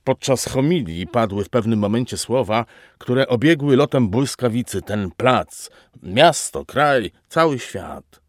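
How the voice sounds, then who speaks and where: A man reading a novel aloud as narrator, telling it in a slow, expressive way with dramatic pauses. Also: mid-range voice, dry recording, studio quality. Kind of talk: audiobook narration.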